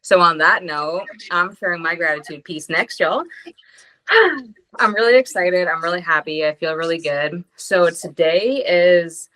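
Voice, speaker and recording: A woman's voice: fairly low pitch, measured pace, sharp tone, rough recording. A woman on a group video call, speaking upbeat and encouraging, sharing gratitude with many "like"s. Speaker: call participant.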